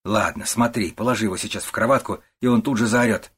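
Man doing a snappish young husband, gruff and loud, husky low voice. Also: quick pace. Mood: irritated. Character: irritable young husband, grumbling and stubborn.

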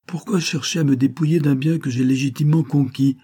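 A man's voice: a little high, fairly even intonation, a little fast, mellow, slightly rough, voice pushed up. A man voicing a frightened but defiant male elephant driver whose voice trembles. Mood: defiant pleading. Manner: trembling, pleading.

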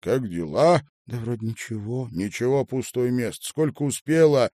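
A man voicing a jovial workshop boss, brisk and teasing. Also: mid-range voice, lively intonation, mellow, no echo, studio quality, pitched above the performer's own voice, natural voice.

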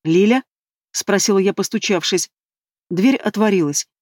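A woman reading a first-person novel aloud as narrator, in steady, even storytelling. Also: fairly low pitch, fairly quick, no room sound. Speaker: audiobook narrator. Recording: dry close studio sound.

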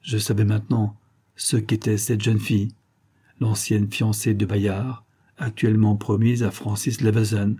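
A male narrator reads an old detective story in a measured, even manner. His voice sits low and dark, with a husky grain to it. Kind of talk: audiobook reading of a classic detective story.

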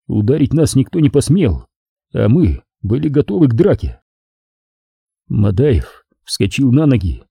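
A man reads a first-person story aloud in a steady audiobook manner. His voice is dark and husky, with a lively rise and fall. The sound is dry and close. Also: mid-range voice, measured pace, dry recording. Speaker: narrator. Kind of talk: audiobook reading.

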